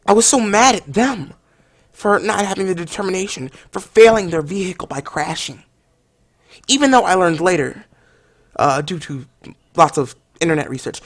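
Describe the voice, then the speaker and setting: A woman delivering an overdramatic, mock-earnest parody review monologue as a game reviewer. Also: on the low side.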